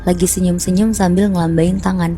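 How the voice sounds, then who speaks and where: A woman's voice: lowish voice, little pitch movement, brisk, mellow, soft background music. A woman casually telling a horror story to friends on a podcast, chatty and slangy, calling her listeners by nicknames.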